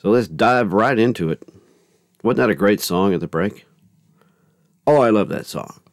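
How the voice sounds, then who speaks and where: A man's voice: fairly low pitch, lively intonation, normal speed, no echo, clean studio sound. A man hosting a faith podcast, reading scripture and chatting in a rambling, folksy way with many restarts. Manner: rambling, self-correcting, folksy. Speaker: podcast host. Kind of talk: casual commentary with scripture reading.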